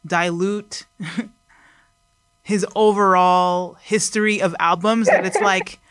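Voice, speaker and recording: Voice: mid-range voice, fairly even intonation, slow pace, a bit bright, clean tone, dry recording. A podcast host asking questions in casual chat, rambling with many fillers and restarts.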